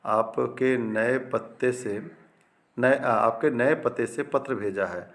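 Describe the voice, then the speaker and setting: A man's voice: medium pitch, takes it slowly, fairly bright tone. A man teaching a Hindi grammar lesson, reading each wrong sentence and then its correction, often checking with "right?". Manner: repeats each example twice, wrong form then correct, with frequent "ठीक है ना" checks.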